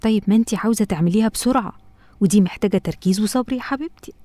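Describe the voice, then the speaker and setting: A woman with an Egyptian accent voicing a loving, patient mother in a cartoon, talking gently and coaxingly. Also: medium pitch, racing, dry recording, close to an everyday voice. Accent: Egyptian Arabic. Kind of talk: cartoon voice acting.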